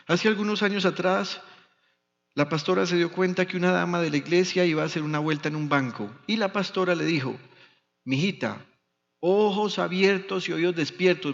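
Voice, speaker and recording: A man with a Medellín Colombian accent preaching a sermon as a pastor, telling stories slowly and with emphasis. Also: fairly high pitch, a bit bright. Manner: storytelling, slow and emphatic. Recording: dull sound with long hall reverb.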